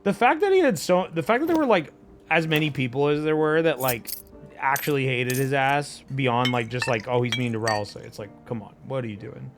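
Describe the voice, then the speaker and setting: A man doing casual live game commentary for his chat, profane and excitable in his talk. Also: medium pitch, fairly quick. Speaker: game streamer. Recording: game music behind voice.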